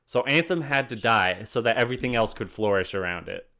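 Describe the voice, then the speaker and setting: A man's voice: fairly low pitch, lively intonation, brisk, sharp tone. A man co-hosting a casual gaming podcast, who stumbles over words and laughs easily. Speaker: podcast co-host.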